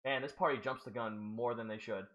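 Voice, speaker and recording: Bright-voiced man running a tabletop game. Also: mid-range voice, steady tone, highs cut off. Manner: halting, with many restarts when explaining rules. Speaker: game master.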